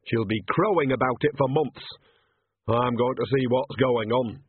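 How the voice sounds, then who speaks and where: A man's voice: medium pitch, measured pace, slight background noise, natural voice. A man voicing a bossy, gossipy old woman from the village, knowing and chatty. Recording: tinny phone-like line.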